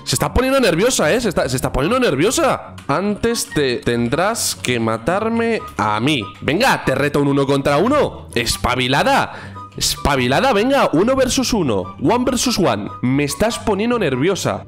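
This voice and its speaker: A man with a Spain Spanish accent, giving excitable, teasing gameplay commentary at home. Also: fairly high pitch, normal speed, soft background music. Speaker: gaming YouTuber.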